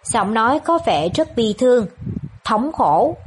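A woman narrating an audiobook of a palace-intrigue novel in a steady, even storytelling manner. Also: a little high, takes it slowly, noisy background. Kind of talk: scripted narration.

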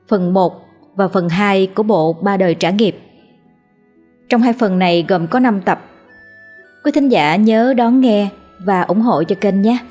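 Calm woman narrating a story over music. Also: mid-range voice.

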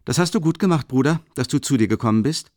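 A man doing a loud hearty young student. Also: lively intonation, fast talker, no room sound, studio quality, lightly acted. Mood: hearty, boisterous. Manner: booming and exclaiming. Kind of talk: audiobook character reading.

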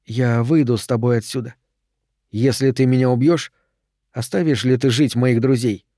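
A calm, determined young woman who keeps her voice low and even, almost hushed, as a man reads her lines. Her tone is dark and mellow, close to the mic with no room sound. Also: moderate pace, dry recording, close to an everyday voice. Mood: resolute. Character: young woman, resolute, calm before death.

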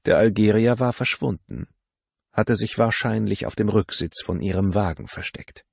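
A man reading a novel aloud as an audiobook narrator, in a calm, measured way. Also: on the low side, creaky, husky, no room sound, studio quality. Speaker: audiobook reader.

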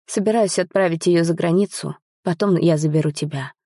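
Woman voicing a young man, guilty lover, soft, pleading, low mellow tone. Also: a little fast, no room sound, studio quality.

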